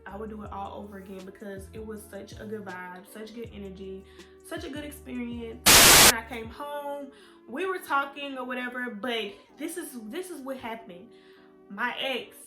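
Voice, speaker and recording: A woman vlogger in her twenties chats candidly with her viewers in a storytime vlog, using a fairly high-pitched, sharp voice. The room is echoey, with faint music in the background.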